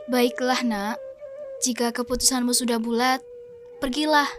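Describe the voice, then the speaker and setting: A tender, aging village mother played by a woman speaks in gentle, formal radio drama lines. Her voice is high, and music is clearly heard underneath. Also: fairly even intonation, measured pace, close to an everyday voice. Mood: resigned, tender. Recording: music bed behind the voice.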